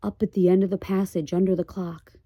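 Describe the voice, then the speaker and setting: A woman voicing a weary, plain-spoken tiny borrower father who talks in a flat, expressionless way. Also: lowish voice, brisk, no room sound, lightly acted. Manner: flat, expressionless, rustic grammar.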